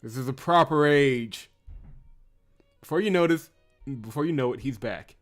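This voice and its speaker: Speaking at a moderate pace in a mid-range voice, the let's-play host keeps up relaxed playthrough commentary, reading narration out loud and tossing in dry, teasing remarks. Game music runs underneath.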